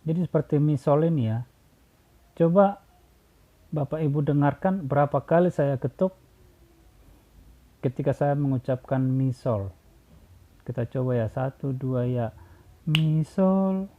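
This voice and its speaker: A man's voice: medium pitch, steady tone, measured pace, pauses often. A man teaching a choir how to read number notation, explaining patiently, repeating himself and counting beats aloud. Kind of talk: spoken music lesson, sung examples. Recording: tinny phone-like sound.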